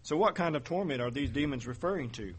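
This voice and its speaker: A man giving a Bible teaching sermon in a measured way, reading verses aloud and asking rhetorical questions. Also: a little high, animated, slightly rough. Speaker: preacher.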